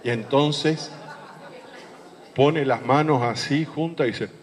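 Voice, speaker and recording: A man's voice: medium pitch, slow. A priest tells a humorous anecdote during a sermon, adding playful asides to his listeners. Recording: long hall reverb.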